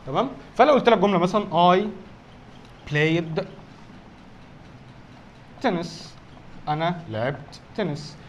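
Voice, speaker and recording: This Egyptian-accented English teacher takes an unhurried approach to exam review, with long pauses and lively intonation in his high-sitting voice. He poses questions, answers them himself, and keeps checking in with "alright?" There's slight background noise.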